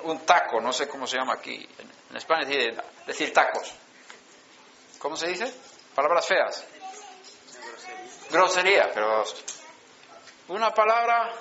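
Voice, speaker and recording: Bright-voiced preacher in his sixties. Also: on the high side, animated. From Sweden. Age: 60s. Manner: storytelling with slow, emphatic pauses. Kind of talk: sermon testimony. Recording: dull lo-fi conference recording.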